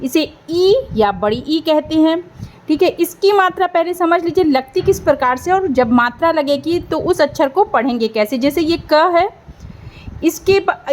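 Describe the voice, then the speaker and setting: A woman teaching a beginners' writing lesson as host, speaking slowly and clearly and drawing out sounds to show them. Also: high-pitched. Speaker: Hindi teacher.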